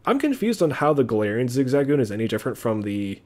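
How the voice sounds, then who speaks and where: Chatty man with a lively, bouncing voice. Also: medium pitch, fast talker. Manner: chatty, excitable and rambling. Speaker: streamer opening trading card packs. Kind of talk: casual live-stream commentary.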